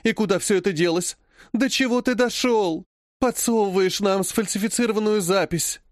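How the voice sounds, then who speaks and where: A man's voice: high-pitched, normal speed, no room sound, clean studio sound, voice pushed up, close to an everyday voice. A man putting on a melodramatic scheming aunt. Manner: melodramatic, sobbing indignation. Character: sly, theatrical aunt, a healer.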